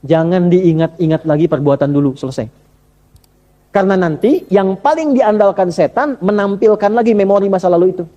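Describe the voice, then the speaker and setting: A man preaching a sermon, talking straight to his listeners with questions and leaping up into high, emphatic bursts. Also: a little fast, lo-fi sound. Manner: lively, rising to high emphatic bursts, addressing the audience directly with questions. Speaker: Islamic preacher.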